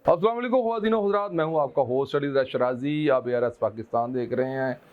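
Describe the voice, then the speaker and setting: A man's voice: medium pitch, fast talker. A man from Pakistan hosting a talk show, asking a caller teasing, leading questions. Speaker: host. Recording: dull lo-fi with faint noise.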